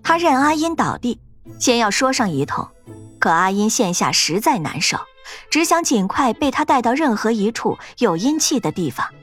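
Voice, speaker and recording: A woman narrating a fantasy ghost story in an expressive, dramatic storytelling manner. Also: on the high side, moderate pace, faint music behind.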